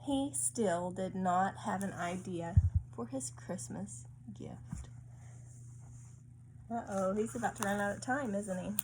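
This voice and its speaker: Reading slowly from a picture book to a child, with long pauses, a woman keeps stopping to coax the listener with little tag questions. She has a medium pitch, and faint room noise sits in the background.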